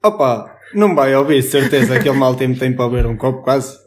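A young man with a European Portuguese accent, co-hosting a podcast, tells a story in casual chat. His voice is mid-range and fast, and he laughs often and swears freely.

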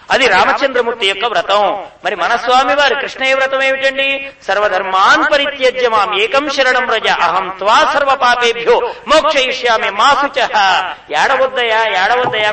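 A man giving a devotional discourse, telling stories with animated acted-out speech and repeating phrases for emphasis. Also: very high voice. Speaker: spiritual speaker. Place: ashram hall. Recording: echoey room, voice from far off.

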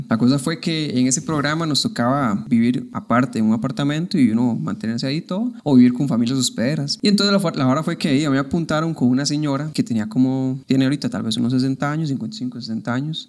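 A Costa Rican man in his twenties telling a story casually, full of slang and quick laughs. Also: medium pitch. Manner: rapid, slangy, laughs often.

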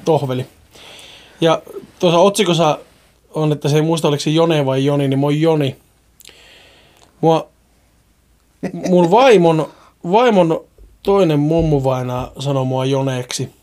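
A man's voice: fairly high pitch, pauses often, a little mellow. A man hosting a podcast, chatting casually and joking while reading listener mail. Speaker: podcast host. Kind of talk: casual chat.

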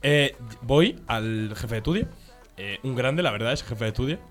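A man's voice: mid-range voice, animated, normal speed, soft background music. A young man with a Spanish accent from Spain, telling school stories in a casual chat and laughing through them.

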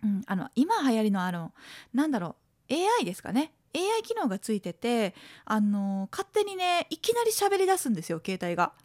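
A woman's voice: brisk, dry recording, clean studio sound. A woman around forty from Tokushima, Japan, chatting alone on her podcast in a playful way, acting out quoted lines. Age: late 30s to 40s. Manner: lively, playful, acts out quoted lines in a higher voice. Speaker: podcast host. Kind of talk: solo podcast chat.

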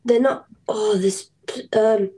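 A woman co-hosting a podcast in casual chat, rambling and halting with many fillers as she explains game tactics. She restarts her sentences often. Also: mid-range voice, fairly even intonation, dark tone, breathy edge, low-quality recording. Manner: explains game strategy in detail. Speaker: podcast co-host.

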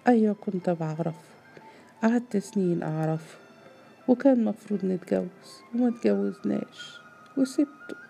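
A woman's voice: mid-range voice, normal speed, vocal fry, soft background music. Woman playing a proud, hurt young woman. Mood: indignant. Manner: sharp and defensive.

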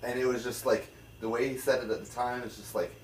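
A man's voice: mid-range voice, little pitch movement, fast, a little hiss or hum. A man on a casual podcast telling a movie story in a rambling way, full of "like". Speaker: podcast co-host. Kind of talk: casual chat. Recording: echoey room, distant mic.

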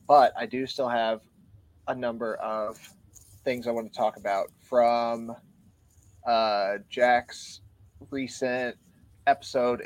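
A man, a guest on a podcast, explaining his view in casual discussion, earnest and a little out of breath. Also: medium pitch. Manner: earnest, explanatory, reads from show notes. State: a bit out of breath.

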